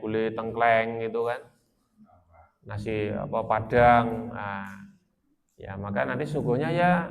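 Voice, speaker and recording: This gravelly, medium-pitched male voice belongs to an Islamic preacher from Magelang in Central Java, who has a Central Javanese accent. Addressing a village gathering, he jokes, chats, and asks his listeners questions.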